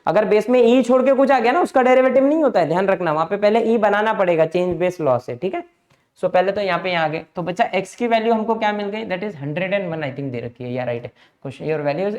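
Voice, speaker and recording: A man, teaching maths in a brisk lecture and coaxing students through each step. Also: high-pitched, darkish tone. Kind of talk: lecture mixing Hindi and English.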